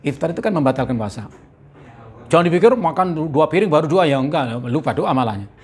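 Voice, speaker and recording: Man, preacher, husky rough voice, higher pitch. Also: quick pace. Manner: animated, breaks into laughs, quotes Arabic. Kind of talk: sermon.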